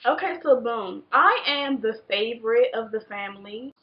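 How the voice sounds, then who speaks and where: Casting: American woman, 20s, higher voice, drunk and rambling storytime vlogger, animated, slightly dull camera audio. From Washington, D.C., United States. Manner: tipsy, drunk rambling, losing the thread; animated exclamations and drawn-out words. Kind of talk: casual storytime chat while doing makeup. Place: small bedroom, indoors. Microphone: camera a short distance away.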